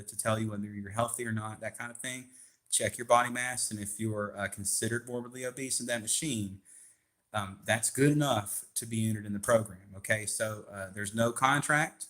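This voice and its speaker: A man speaking as a personal trainer in a rambling, informal explanatory style, halting often and checking in with "okay?". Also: mid-range voice, a bit bright. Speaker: personal trainer pitching a weight-loss walking program.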